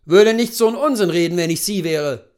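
A man reading a calm, curt professional hunter with a throaty voice. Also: high-pitched, fairly quick, pitched above the performer's own voice, close to an everyday voice. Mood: cool, curt.

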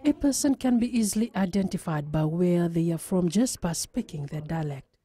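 A woman's voice: lowish voice, lively intonation, moderate pace, warm tone, breathy edge. A woman reporter reading a scripted news voice-over.

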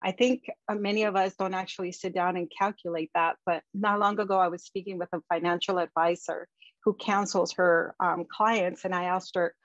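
A woman's voice: on the low side, steady tone, moderate pace, dry recording. A woman presenting slides over a video call, giving practical tips in a conversational way with frequent ums. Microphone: video call webcam. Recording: dull, dry webcam audio.

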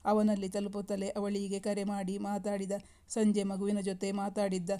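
A woman narrates a heartfelt story in a calm, scripted way. Her voice is dark and mellow, with very little pitch movement. The reading moves along evenly from line to line. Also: moderate pace. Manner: steady, even reading.

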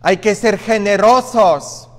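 A man, a priest, preaching a sermon in a conversational way, often tossing in quick asides to the congregation. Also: high voice, big-room sound. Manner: conversational preaching with frequent "¿ah?" asides and acted quotes. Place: church.

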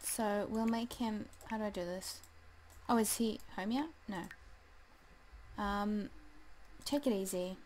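A woman talks through her life-sim session at an unhurried pace, pausing often with ums and scolding her characters. Her pitch sits at an ordinary middle height. Faint room hum and soft mouse clicking sit behind her voice. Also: poor audio. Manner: chatty, hesitant with many ums, talks to the game figures. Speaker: let's play gamer. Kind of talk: casual gameplay commentary.

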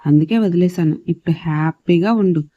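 A man's voice: high voice, a little fast, dry recording, close to an everyday voice. A woman narrator voicing a cold, cruel male killer who speaks in a mocking, menacing way, on a dull lo-fi recording.

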